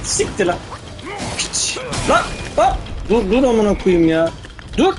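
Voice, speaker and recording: A man doing casual gameplay commentary in street slang, swearing heavily and given to excitable, urgent outbursts. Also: high voice, takes it slowly, music in the background. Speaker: gaming video host.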